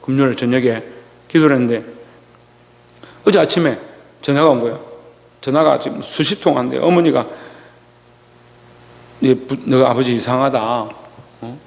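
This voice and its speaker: A male pastor giving a Sunday sermon, telling a personal story slowly with many pauses and restarts. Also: mid-range voice, vocal fry, big-room sound. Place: church sanctuary.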